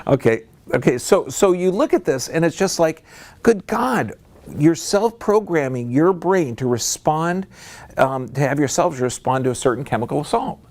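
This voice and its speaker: Man, health seminar speaker, emphatic, animated, talking to a room of listeners. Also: fairly high pitch, moderate pace. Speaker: health speaker giving a talk. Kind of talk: live seminar talk to an audience. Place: room with a live audience.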